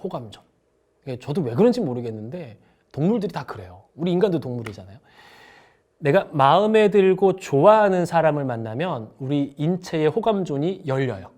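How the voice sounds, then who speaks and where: A middle-aged man teaches a sales class in an online lecture. His voice sits a little high and swings widely in pitch. He acts out short customer dialogues as he goes. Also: big pitch swings, a little fast, a little mellow. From South Korea. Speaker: sales instructor.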